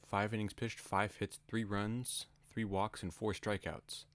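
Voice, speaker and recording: Man, deep voice, home play-by-play, laid-back asides. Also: a little slow, no room sound. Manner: relaxed, chatty asides between calls. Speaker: play-by-play announcer. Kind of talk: casual solo baseball commentary.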